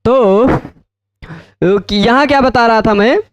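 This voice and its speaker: A man teaching Sanskrit grammar in a lecture, often asking his students check questions and repeating terms slowly. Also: very high voice, no echo. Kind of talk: explanatory lecture.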